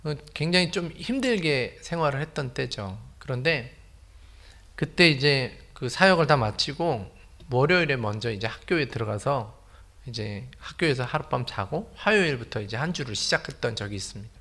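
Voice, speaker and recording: A man preaching a Sunday sermon as a pastor, telling a personal story softly and then building to loud, emphatic declarations. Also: medium pitch, expressive, moderate pace.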